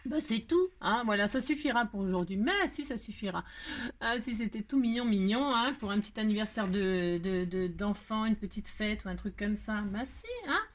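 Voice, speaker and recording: A woman's voice: medium pitch, normal speed. A woman hosting a casual card-making tutorial, thinking aloud and chatting to herself as she works, with affectionate goodbyes to her viewers. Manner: warm, affectionate sign-off to viewers. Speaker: card-making crafter and channel host. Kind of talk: casual crafting tutorial chat.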